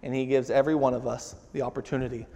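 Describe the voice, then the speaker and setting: A man preaches a sermon in a casual, conversational way, slipping into the voices of the people he quotes. His pitch sits in an ordinary middle range. The sound carries a long reverb from a church sanctuary. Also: fairly even intonation, fast, warm tone. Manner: conversational, acts out quotes with rising intensity.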